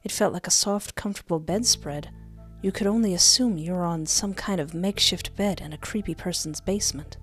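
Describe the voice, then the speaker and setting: Game music plays behind a young woman hosting a playthrough from an indoor home setup, her close desktop mic and headset picking up a fairly low voice moving fairly quickly. She reads game text aloud and keeps up playful, animated asides.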